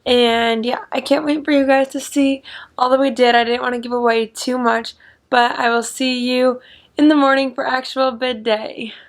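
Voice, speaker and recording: A young woman with a slightly high voice talks in a casual vlog style. She has a bubbly, gushing sorority-girl way of speaking, though her pitch stays fairly even rather than swooping. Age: young adult. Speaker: vlogger, sorority member.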